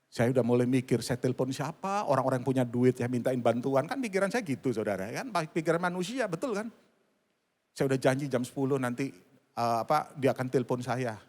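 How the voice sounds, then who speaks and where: A middle-aged male pastor preaching a sermon, telling a story with lively quoted voices and often addressing the congregation directly. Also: mid-range voice, a little fast. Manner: animated, acts out quoted voices, frequent "saudara" address. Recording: long church hall reverb.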